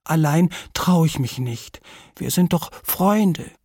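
A timid lame duck from a children's story, voiced by a male narrator. She drawls slowly with lots of rise and fall in a husky, hushed voice. The recording is close and dry. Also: a little high, animated, no echo, pitched above the performer's own voice, exaggerated voice. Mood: pleading. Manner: slow, hushed, pleading.

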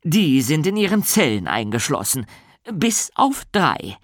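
A man putting on a small, good-humoured pastor, welcoming two children into a prison in this storybook. The voice sits higher and louder than plain narration, lively and bouncing, in a dry, close sound. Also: measured pace, dry recording. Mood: cheerful. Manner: warm and welcoming, upbeat.

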